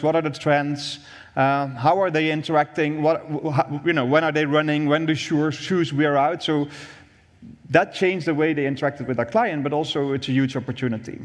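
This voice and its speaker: A man, an industry executive, giving an explanatory conference talk, often repeating words as he thinks. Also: on the high side. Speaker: industry VP presenting. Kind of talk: conference presentation. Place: conference room on stage. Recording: long hall reverb.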